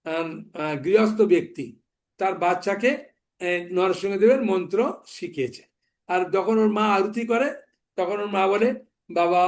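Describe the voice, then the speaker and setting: A man preaches in a relaxed storytelling way, speaking in a high register. He keeps the tone homely and conversational. He often checks in with the audience and asks them rhetorical questions. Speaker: devotional preacher. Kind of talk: devotional storytelling sermon.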